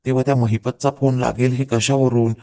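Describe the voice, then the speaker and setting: A man narrating a plot recap, retelling the scenes in a steady storytelling flow. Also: mid-range voice, a little fast.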